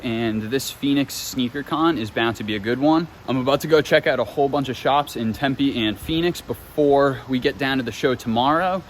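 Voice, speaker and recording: A sneaker vlogger from Boston narrates casually from his car during a road trip, chatty and relaxed, with the occasional swear. His voice sits at a medium pitch, and there's slight background noise.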